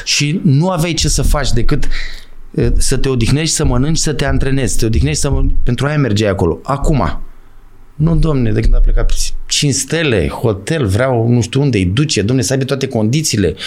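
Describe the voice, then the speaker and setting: Animated, emphatic middle-aged man. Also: mid-range voice. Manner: animated, emphatic, calls the listener "bă" and "frate". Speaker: guest, former footballer. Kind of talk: casual storytelling interview.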